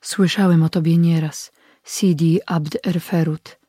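A wounded young man, as an audiobook reader voices him, speaks weakly and haltingly. His words come out faint and drained of strength. The storybook recording is dry and close. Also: medium pitch, flat delivery, mellow, slightly rough, dry recording. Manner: weak, faltering voice. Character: wounded young Berber man, weak and pleading.

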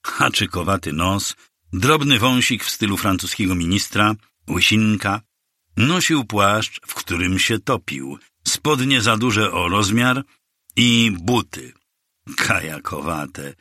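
A man narrating a crime novel aloud with measured, steady reading. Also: on the low side, no room sound, studio quality. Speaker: audiobook narrator.

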